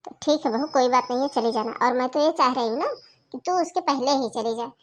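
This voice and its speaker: A kindly older mother-in-law from a cartoon, as a woman voices her. She speaks in a high voice. She gives advice in a gentle, persuasive way. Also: fast. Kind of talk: cartoon voice acting.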